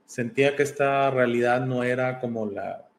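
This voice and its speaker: A man's voice: mid-range voice, fairly even intonation, normal speed, slight background noise. A man born in Italy and raised in Mexico, a podcast host talking as a guest over a video call, thoughtful and hesitant with many fillers. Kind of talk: casual interview chat.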